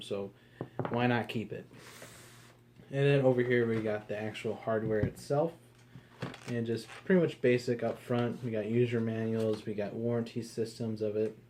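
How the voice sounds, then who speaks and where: A man's voice: fairly low pitch, background noise. A man giving a casual, rambling product review, swearing now and then.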